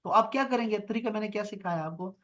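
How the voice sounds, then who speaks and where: A man teaching an online Arabic grammar class over a video call, patient and reassuring, repeating words slowly. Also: high-pitched, a bit bright.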